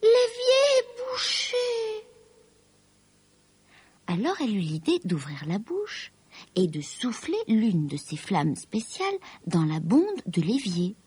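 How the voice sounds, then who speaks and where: A woman reading a children's story aloud in a slow, expressive, lilting way. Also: on the low side, breathy edge.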